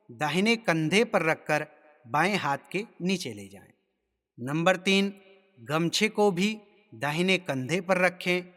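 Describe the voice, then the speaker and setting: A man giving a step-by-step ritual lesson, explaining rules in a measured way and chanting mantras slowly. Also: on the high side, fairly bright tone. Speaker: ritual instructor. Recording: long reverb.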